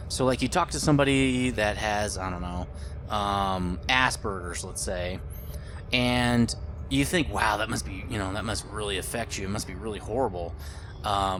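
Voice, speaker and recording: A man's voice: on the low side, fairly bright tone, slight background noise. A man in his late thirties giving casual gameplay commentary, rambling and thinking aloud as he plays. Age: late 30s. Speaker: gaming video host.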